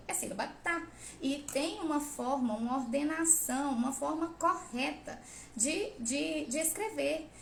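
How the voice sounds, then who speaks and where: Emphatic high-voiced woman, roomy echo. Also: vocal fry, slight background noise. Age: adult parent. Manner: emphatic, scolding, blunt; acts out quoted voices. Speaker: host of a parenting and literacy channel. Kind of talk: live Q&A talk. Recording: roomy echo with faint ambience.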